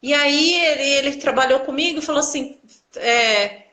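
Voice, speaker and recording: A woman chatting on a live video call, telling personal stories in an animated way and acting out the people in them. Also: high-pitched, normal speed, poor audio. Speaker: co-host of a live video conversation. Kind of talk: casual live conversation, personal storytelling.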